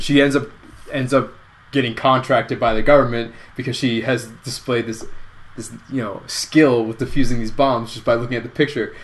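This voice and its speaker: A man hosting a casual online show, pitching a movie idea in a rambling, self-correcting way. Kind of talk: casual comedic chat.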